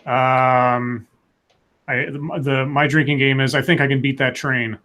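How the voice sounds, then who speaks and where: Mid-pitched man in casual chat. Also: level tone, measured pace, bright, forceful tone. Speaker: live-stream guest or panelist.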